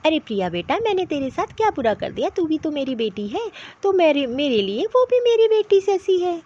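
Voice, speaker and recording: A woman's voice: high-pitched, big pitch swings, moderate pace, mellow, lo-fi sound. A woman voicing a kindly middle-aged mother-in-law in a cartoon, speaking affectionately. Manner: affectionate, soothing. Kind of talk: Hindi cartoon voice acting.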